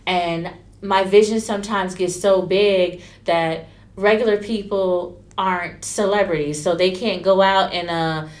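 A woman, a stylist chatting candidly in an interview and acting out quotes with lively turns. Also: on the low side, a little slow. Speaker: stylist and entrepreneur. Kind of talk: casual interview storytelling.

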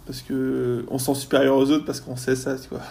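A young man, a university student, chatting casually in a podcast interview, often pausing on fillers as he thinks. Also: medium pitch, completely flat delivery, vocal fry, warm tone. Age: young adult. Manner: chatty, lots of hesitations and fillers.

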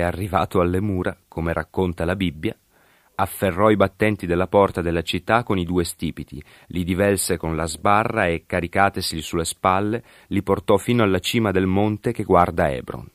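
A man narrating a story in a measured, formal style, close to the mic. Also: deep voice, fairly even intonation, no room sound. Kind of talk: scripted narration.

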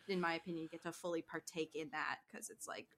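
A woman's voice: sits low, fairly even intonation, fast talker, a bit bright, slight background noise. A woman co-hosting a movie podcast, giving her opinions in casual chat. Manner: opinionated, hedging with "like". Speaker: podcast co-host.

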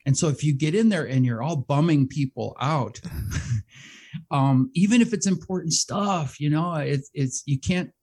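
A middle-aged man who hosts a radio show, talking as a guest in a casual interview, animated and self-deprecating, laughing often. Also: fairly high pitch, unhurried. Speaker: radio show host and behavioral health manager, guest.

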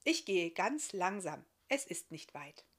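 A woman voicing a gentle, friendly blind male giant with a beard, speaking calmly in a storybook. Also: on the low side, takes it slowly, exaggerated voice.

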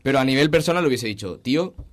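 Fast-talking young man joking around. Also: medium pitch, animated. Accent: Spain Spanish. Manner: quick jokey banter, acts out little scenes. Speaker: podcast co-host. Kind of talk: casual comedic chat.

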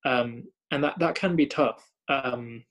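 A young Thai hospital doctor speaks slowly at a medium pitch in a reflective conversation. He talks thoughtfully, using many fillers and often restarting his sentences.

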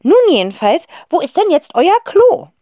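Woman playing a shrill flamboyant countess. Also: big pitch swings, normal speed, dark tone, no room sound. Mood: haughty. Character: flamboyant eccentric aunt, pompous countess.

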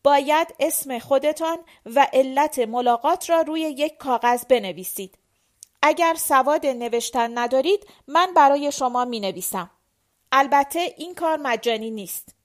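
A woman voicing an officious young male guard in a storybook reading, speaking in loud, clipped demands. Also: high-pitched, animated, pitched above the performer's own voice. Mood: brusque.

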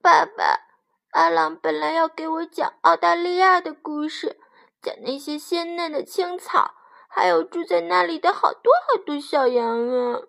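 A woman's voice: extremely high pitch, animated, measured pace, gravelly, fairly bright tone, pitched above the performer's own voice, exaggerated voice. A woman voicing a sweet, timid little male lamb in a storybook read-aloud, with earnest, tearful pleading.

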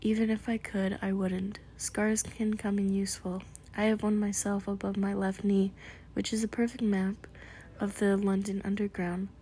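A woman voicing a wise, calm old male wizard headmaster, speaking in a measured way in whispered role-play. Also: mid-range voice, slight background noise, close to an everyday voice.

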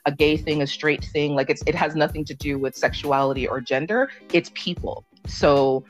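A woman's voice: low voice, normal speed, soft background music. A middle-aged woman from Jamaica, a podcast guest, speaking earnestly and laughing readily in casual conversation. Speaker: podcast guest, sex and relationship content creator.

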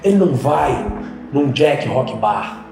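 A man's voice: medium pitch, expressive, slow pace, vocal fry. A man, a guest musician on a podcast, telling his life story casually in slangy speech that rises into fervent emphasis. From Minas Gerais, Brazil. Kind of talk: casual personal testimony. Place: podcast studio. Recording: very echoey room with background music.

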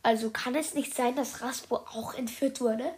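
A woman's voice: a little high, fairly even intonation, normal speed, a little mellow. A woman reading a children's detective book aloud to her viewers, stopping often for chatty, slangy comments. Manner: chatty, addresses viewers as "Leute", youthful slang. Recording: roomy echo.

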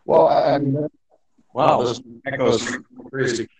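A man's voice: mid-range voice, fairly even intonation, measured pace, a little mellow, slightly rough. A man, a hockey general manager, answering hesitantly in a casual interview, with his call audio so hollow and echoey that he sounds like he is talking through a tube. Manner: hesitant, many ums and restarts.

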